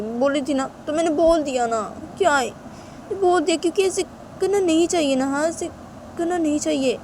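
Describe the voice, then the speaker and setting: A woman voicing a gentle young woman who coaxes her angry partner, repeating little questions. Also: high voice, slight background noise, pitched above the performer's own voice. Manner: coaxing, repeats "kya hai?" and "haan?". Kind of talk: amateur storytelling role-play.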